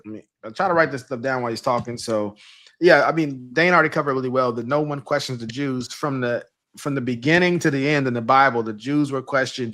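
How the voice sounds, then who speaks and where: A man co-hosting a casual commentary panel, explaining points earnestly with halting restarts. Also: mid-range voice, fairly bright tone.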